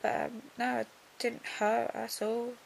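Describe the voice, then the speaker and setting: Casting: young woman, very gravelly fry on a highish voice, drowsy post-surgery delivery, casual diary style. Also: flat delivery, measured pace, a little hiss or hum, poor audio. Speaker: vlogger.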